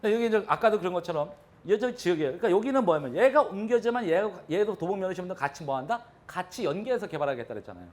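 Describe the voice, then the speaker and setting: Male lecturer, quick and lively delivery, teaches by quizzing the room, voice sits a bit high. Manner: animated, poses questions to the audience. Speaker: real estate lecturer. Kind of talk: live classroom lecture.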